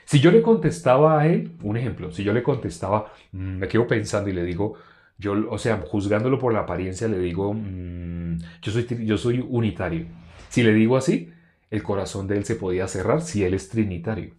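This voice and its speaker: A man preaching, telling a personal testimony in an animated storytelling way and loudly acting out what others said. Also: fairly low pitch, a little fast. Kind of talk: testimony sermon.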